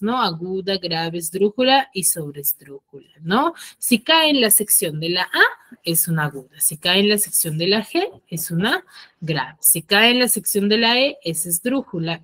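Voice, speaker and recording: A woman teaching an online class in a dry, close sound with no room echo. She often stops to check that the students follow. She slows down and spells out each rule. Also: mid-range voice, fairly bright tone. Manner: checks understanding with frequent "ya?" and "sí?"; slows down to stress key rules.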